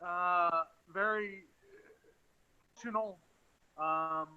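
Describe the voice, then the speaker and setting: High-pitched man, tinny metallic phone sound, hesitant with many fillers, casual live-stream chat. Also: steady tone, slow pace, very noisy. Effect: tinny, tin-can sound from a phone mic.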